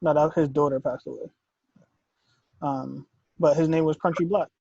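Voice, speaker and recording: A man co-hosting a podcast in lively casual chat, sometimes reading things aloud in a mock-formal way. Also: on the high side, moderate pace, creaky, breathy edge, no echo. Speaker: podcast co-host. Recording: dry, dull lo-fi audio.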